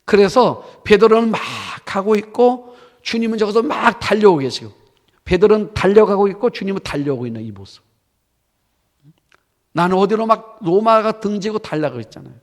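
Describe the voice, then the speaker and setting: A man preaching a sermon as pastor, telling the story with lively questions to the congregation. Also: sits high, normal speed. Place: church sanctuary. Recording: church hall reverb.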